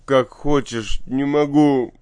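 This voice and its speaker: A man's voice: medium pitch, fairly even intonation, takes it slowly, darkish tone, clear, resonant tone, no room sound, voice pushed up, close to an everyday voice. A man doing a timid, whiny boy. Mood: frightened. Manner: whimpering, pleading.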